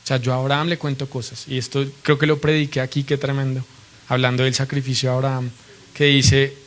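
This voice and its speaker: A man's voice: medium pitch, little pitch movement, brisk. A man preaching a sermon, earnestly and reverently teaching, often asking his listeners questions.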